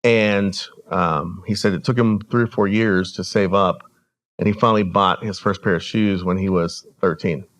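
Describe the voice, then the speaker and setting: A man born in El Salvador, a podcast guest telling his family's story in an earnest, measured way. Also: low-pitched, fairly even intonation, fairly bright tone. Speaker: guest, regional director. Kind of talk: storytelling interview.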